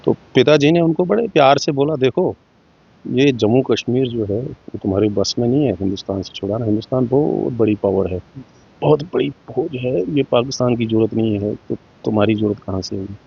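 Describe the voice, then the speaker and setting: A man's voice: medium pitch, fairly quick, vocal fry, breathy edge. A middle-aged man from Jammu and Kashmir, giving an interview and telling his own story in earnest, acting out the dialogue with small shifts in his voice. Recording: muffled, dull dry recording.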